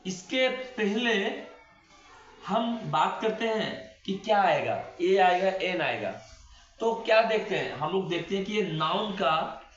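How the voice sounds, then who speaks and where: A man with a fairly high voice teaches a classroom-style grammar lesson at an unhurried pace. He keeps posing questions and answering them himself, and he stretches words out when he spells them. The sound is roomy and a little dull, like a lo-fi recording. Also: animated, a bit bright, slight background noise. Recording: echoey room, dull lo-fi sound.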